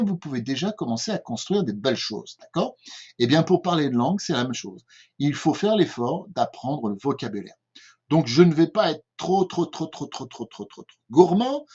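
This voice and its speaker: With a husky, slightly mellow voice on the high side, an older Frenchman teaches English in a patient home-made lesson, speaking with a French accent. He repeats things and frequently checks in with "d'accord?". The recording sounds dull and lo-fi.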